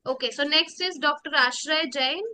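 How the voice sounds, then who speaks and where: Bright-voiced woman moderating a video call. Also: high voice. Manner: brisk procedural instructions to presenters. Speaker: session moderator. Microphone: computer mic on a video call.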